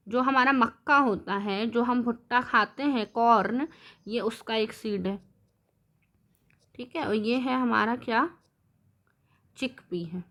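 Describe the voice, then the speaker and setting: Woman teacher, high and bright, quizzing her class in a lesson. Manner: asks the class questions and answers them herself; mixes English terms into Hindi. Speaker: science teacher. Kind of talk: classroom lesson explaining with drawings.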